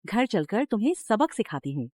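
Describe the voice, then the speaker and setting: Cast a cruel middle-aged village mother-in-law, harsh and threatening, lively pitch. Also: moderate pace, dry recording, clean studio sound. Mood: menacing. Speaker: dubbing actor. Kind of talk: Hindi drama dub.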